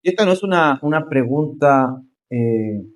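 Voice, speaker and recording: A male pastor preaching a sermon, rising into emphatic questions and slowing to stress key phrases. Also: on the high side, expressive.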